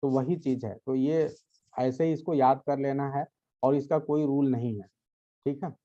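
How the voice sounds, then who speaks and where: A man's voice: medium pitch, fairly even intonation, normal speed, dark tone, lo-fi sound. A man teaching English grammar to his students, explaining patiently, checking understanding often and addressing them directly. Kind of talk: explanatory lecture to a class.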